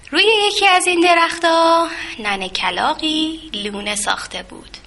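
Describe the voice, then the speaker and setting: A woman narrating a children's story in a gentle, expressive way. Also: high-pitched. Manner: gentle, expressive, with sound effects.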